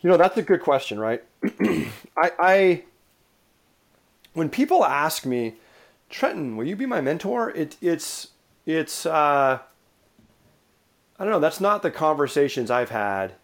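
A middle-aged man being interviewed who talks loosely, with frequent restarts and lively anecdotes. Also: a little high, measured pace, pauses often. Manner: rambling, restarts often, lively storytelling. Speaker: interview guest. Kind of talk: casual conversational interview.

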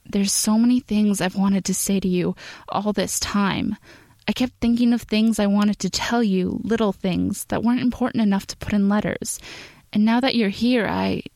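A woman's voice: mid-range voice, fairly even intonation, normal speed, a little mellow, dry recording, natural voice. A woman voicing an awkward young male soldier who stammers and stumbles over his words, in a storybook reading. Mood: tender.

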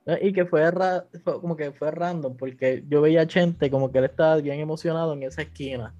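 A man's voice: on the high side, steady tone, fairly quick, darkish tone, highs cut off, soft background music. A man with a Puerto Rican accent, chatting casually as a podcast guest, full of slang and dropping English words in as he tells his story. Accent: Puerto Rican Spanish. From Puerto Rico. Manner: slangy, mixes English words in, acts out quotes. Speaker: podcast guest, platform founder. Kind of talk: casual interview chat.

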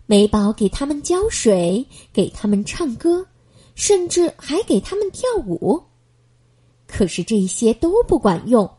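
A woman reading a children's bedtime story aloud in a gentle, expressive manner. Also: a little high, measured pace, breathy edge.

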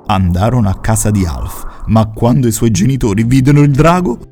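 A man narrating children's stories in a gentle, playful way that talks to the listeners. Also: mid-range voice, animated, brisk, faint music behind. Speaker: storyteller.

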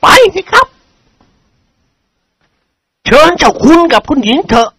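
Bantering old nobleman, hearty, raised bright voice, dry sound, read by a man. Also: very high voice, expressive, slow pace, husky, dry recording, voice pushed up, heavily acted. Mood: jovial. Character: jovial older nobleman, joking elder.

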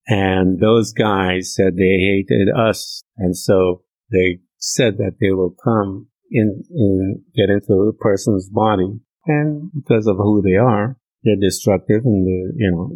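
Man, husky voice, low-pitched, emphatic casual preaching. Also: darkish tone, no echo, low-quality recording. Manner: emphatic, conversational preaching with rising bursts. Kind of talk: sermon.

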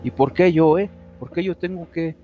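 A man's voice: mid-range voice, moderate pace, highs cut off, pitched above the performer's own voice, lightly acted. A man voicing a grumbling, put-upon male cat who complains about errands, in a storybook reading. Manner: complaining, whiny. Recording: music under the reading.

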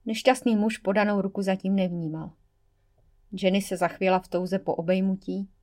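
A woman reading an audiobook aloud, a wry, expressive first-person narration as a male storyteller. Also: medium pitch. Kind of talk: scripted narration.

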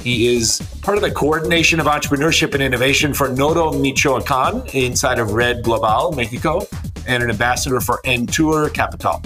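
A man hosts a podcast in a crisp, bright voice, upbeat and a little teasing with his co-host. He moves easily into reading out a guest's biography. Soft music plays faintly underneath. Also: medium pitch, fairly quick. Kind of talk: casual podcast hosting.

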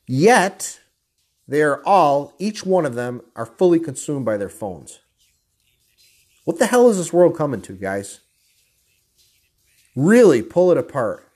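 A man's voice: fairly high pitch, very animated, a little slow, long pauses, a little mellow. Blunt, angry man ranting. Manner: blunt, profane, repeatedly addressing listeners as guys; angry, intense delivery. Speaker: motivational speaker. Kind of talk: motivational rant to camera.

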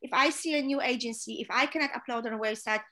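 Talking fast in a fairly high, bright, forceful voice, a chief stewardess from Poland gives sincere, direct career tips as an interview guest. Her English is non-native and Polish-accented, and she uses filler sounds often.

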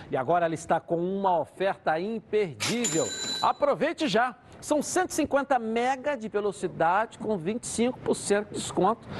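A man's voice: high voice, slight background noise. A man with a Bahian Brazilian accent hosting a live sports show and reading ads in an emphatic, salesman-like way with chatty asides.

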